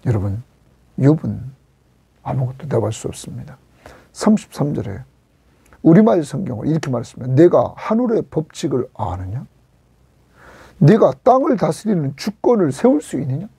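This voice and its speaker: A male pastor preaching a sermon in a gravelly, husky voice with a dark, mellow tone. His pitch leaps up on questions and falls to a breathy near whisper at the ends of phrases. The sound is dry and close. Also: very animated, moderate pace, long pauses, dry recording. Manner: emphatic, rises sharply on questions and drops to a near whisper at line ends. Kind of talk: expository sermon.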